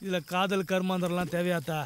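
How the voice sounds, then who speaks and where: A man's voice: high-pitched, flat delivery, fairly quick, noisy background, natural voice. An actor playing a village young man who talks in an offhand, grumbling way. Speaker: customer at a food stall. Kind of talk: Tamil village film acting. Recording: distant voice under loud film music.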